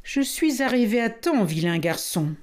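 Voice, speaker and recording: A woman's voice: on the high side, animated, moderate pace, a little mellow, pitched above the performer's own voice, lightly acted. A woman voicing a stern, protective male panther in a storybook, scolding and exasperated.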